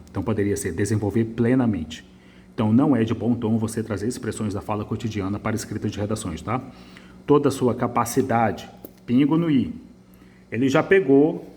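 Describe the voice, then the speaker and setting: A man with a Brazilian accent teaching an essay-correction lesson, emphatic and lively, repeating his points as he marks the page. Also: lowish voice, slight background noise. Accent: Brazilian Portuguese. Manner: lively, emphatic, repeats phrases while writing. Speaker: writing teacher.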